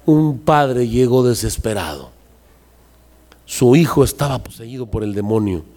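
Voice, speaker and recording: A man preaching a sermon in a lively, storytelling way, acting out the voices of the people in his stories. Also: mid-range voice, measured pace. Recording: long hall reverb.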